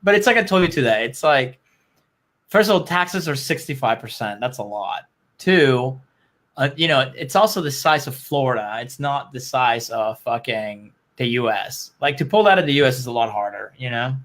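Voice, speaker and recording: A man's voice: mid-range voice, lively intonation, moderate pace, fairly bright tone. A man co-hosting a show in casual chat, rambling and opinionated, with loose, sweary phrasing. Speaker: show co-host.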